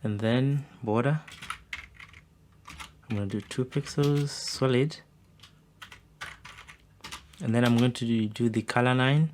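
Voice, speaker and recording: A man's voice: medium pitch, slow pace, long pauses, a little mellow, slight background noise. A man teaching frontend coding, thinking aloud step by step with fillers as he types code. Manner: talks while typing, thinks aloud with fillers. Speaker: coding instructor. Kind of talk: screen-recorded coding tutorial. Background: keyboard typing.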